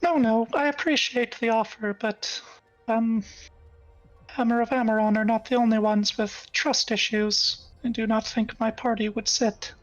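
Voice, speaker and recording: A man voicing a polite, measured female adventurer through a voice changer that raises his pitch, with formal, careful phrasing. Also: steady tone, no echo, faint music behind. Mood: polite refusal. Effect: voice changer raising the pitch to a woman's. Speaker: player. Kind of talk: in-character tabletop roleplay. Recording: dull, dry voice-changer sound.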